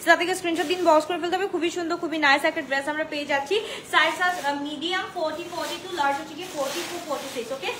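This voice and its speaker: A woman from Bangladesh runs a live sales stream from home, loud and chatty, slipping English phrases into her talk as she answers viewers. Her voice sits high and the words come quickly. The room around her is echoey, with a faint hiss of background noise. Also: steady tone. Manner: chatty, mixes English into Bengali, addresses viewers as apu; talks loudly on purpose. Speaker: online dress seller. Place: indoors, home.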